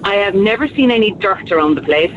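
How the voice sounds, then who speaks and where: Over the telephone to a radio show, this forthright caller from County Kerry sounds emphatic and indignant, her southwestern Irish accent clear. She talks a little fast in an animated, mid-range voice, and the line is dull with faint background noise.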